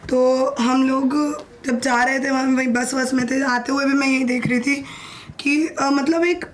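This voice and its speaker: A young woman with a high voice breaks into the argument to give her side. She lays out what she has been watching, steady and explanatory. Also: a little slow. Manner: explaining, siding with a friend. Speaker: reality show contestant. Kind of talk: heated group argument in Hindi.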